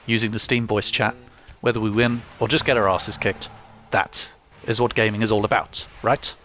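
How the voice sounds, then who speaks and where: A man's voice: on the low side, level tone, moderate pace, pushed and bright, a little hiss or hum. A young man reading a scripted game review with dry, self-mocking humour. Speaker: gaming YouTuber.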